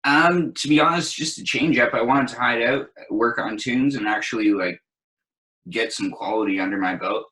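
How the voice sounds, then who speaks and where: A man's voice: mid-range voice, normal speed, sharp tone, poor audio. A young man chatting casually as a guest, laid-back and rambling, with lots of fillers. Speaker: guest DJ and producer. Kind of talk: casual chat.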